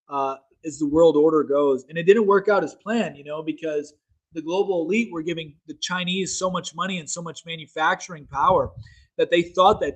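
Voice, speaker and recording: Rambling young man, a bit high-voiced. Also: slightly rough, rough recording. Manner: rambling, repeats himself, many fillers. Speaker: show host. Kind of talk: casual solo political talk.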